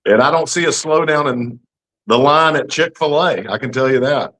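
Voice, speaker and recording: A man's voice: mid-range voice, normal speed, a bit bright. A man in his fifties with an Alabama Southern accent, answering interview questions in a folksy, plain-spoken, emphatic way. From Alabama, United States. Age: 50s. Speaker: political candidate being interviewed.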